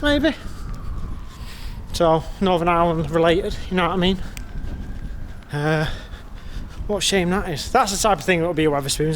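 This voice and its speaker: An English man with a high-pitched voice walks through a town's streets at night and then into a pub, vlogging a blunt, sweary, wry running commentary. The casual walking vlog has a little hiss or hum in the audio.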